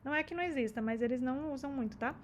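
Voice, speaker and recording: A woman's voice: high-pitched, slight background noise. Patient Brazilian woman teaching pronunciation. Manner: patient, repeats words slowly to show pronunciation. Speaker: Spanish teacher. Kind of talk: explaining song lyrics in a language lesson.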